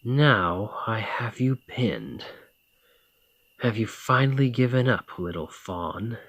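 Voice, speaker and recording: Here a man gives a full character voice to a teasing Nordic thane, a dominant and confident warrior lord, speaking to the listener in ASMR roleplay with commanding flirtation and a playful, challenging mood. His voice is fairly low, fairly bright, animated, and slow, with no room sound.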